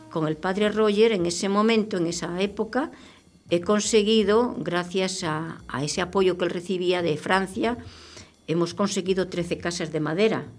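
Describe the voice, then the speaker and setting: Earnest older nun, lowish voice. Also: female voice. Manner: earnest, unhurried, repeats herself while thinking. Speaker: missionary nun. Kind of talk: radio interview, reflective testimony. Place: radio studio.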